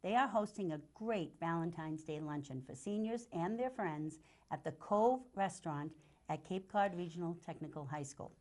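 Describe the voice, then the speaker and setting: A woman's voice: on the low side, lively intonation, moderate pace, darkish tone. An older woman co-hosting a community show, chatting and reading out local announcements. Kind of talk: casual chat and reading announcements.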